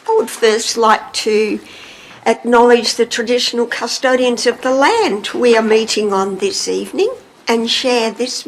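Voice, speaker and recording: A woman mayor chairing a council meeting in a measured, formal manner. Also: fairly high pitch. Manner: measured, formal procedural delivery. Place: council chamber. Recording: echoey chamber, faint room hiss.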